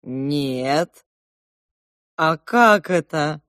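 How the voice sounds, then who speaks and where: A woman doing a spoiled young boy prince, bossy, excitable, raised voice, storybook. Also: sits low, drawn-out words, no echo, studio quality, heavily acted.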